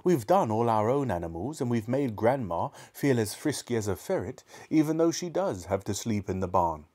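A man's voice: medium pitch, big pitch swings, normal speed, dark tone. A man voicing a sensible, worried little farm boy in a storybook, questioning and protesting. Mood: puzzled.

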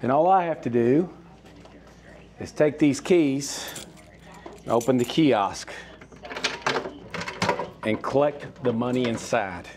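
A man's voice: medium pitch, takes it slowly, pauses often. A man casually demonstrating a task for a vlog in an upbeat way inside a laundromat. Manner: upbeat, punctuates steps with "bam". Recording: clear background noise.

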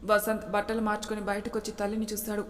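A woman's voice: mid-range voice, completely flat delivery, fast. Woman narrating a story in reverb.

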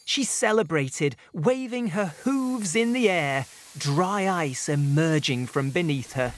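A woman narrating a children's storybook in a gentle, expressive way. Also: deep voice, slow.

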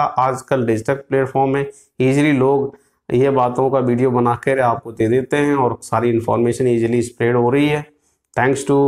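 A man's voice: mid-range voice, darkish tone. Fiery man giving news commentary. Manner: fiery, moralizing, mixes English phrases with frequent fillers. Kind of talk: opinionated news commentary to camera. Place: small indoor room.

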